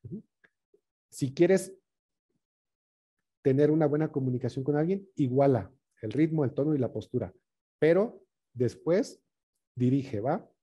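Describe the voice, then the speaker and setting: A man leading a communication workshop in a conversational way, often checking in with quick tag questions. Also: mid-range voice, lively intonation, mellow, husky.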